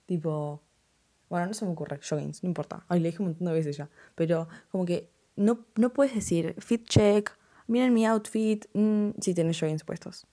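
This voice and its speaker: A woman's voice: fairly low pitch, moderate pace, dark tone. A teenage girl with an Argentine accent giving blunt, dismissive opinions on fashion in a casual vlog, repeating "no" often. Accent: Argentine Spanish.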